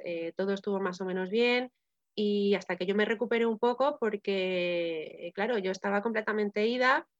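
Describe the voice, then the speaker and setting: A woman's voice: medium pitch, dry recording. Woman vividly retelling a personal story. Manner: vivid retelling, acting out quoted voices, frequent hesitations. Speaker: interviewee telling her birth story. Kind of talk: personal account in conversation. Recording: dull, dry, slightly lo-fi recording.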